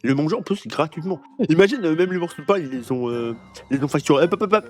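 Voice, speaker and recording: A young man doing casual, joking reaction commentary for viewers, slangy and animated. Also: fairly high pitch, fast, faint music behind. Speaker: YouTuber reacting to reviews.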